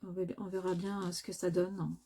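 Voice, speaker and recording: A woman's voice: fairly low pitch, flat delivery, moderate pace, dark tone, husky. A woman hosting a crafting tutorial, talking casually and hesitantly with many filler sounds and self-corrections as she works. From France. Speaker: crafting video host.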